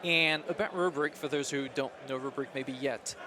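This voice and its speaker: A man's voice: medium pitch, moderate pace. A man from France with a French accent, answering as an interview guest in a conversational way. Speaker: interview guest, technical marketing manager. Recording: busy crowd chatter behind.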